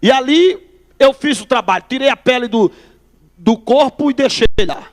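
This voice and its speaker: Brief: high-voiced male preacher, storytelling testimony, long hall reverb. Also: moderate pace. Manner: animated storyteller addressing listeners as brother. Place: church hall.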